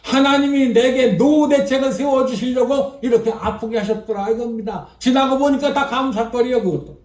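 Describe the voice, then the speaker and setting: A woman's voice: sits high, normal speed, a little mellow. An older woman pastor preaching an emphatic revival sermon, calling out hallelujahs and prompting the congregation. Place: church. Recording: roomy echo, voice picked up from a distance.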